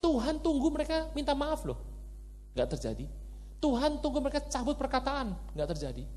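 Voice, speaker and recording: A man's voice: very high-pitched, big pitch swings, brisk, a little mellow, big-room sound. A man preaching a sermon in a church, talking animatedly and conversationally and putting rhetorical questions to the congregation. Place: church hall.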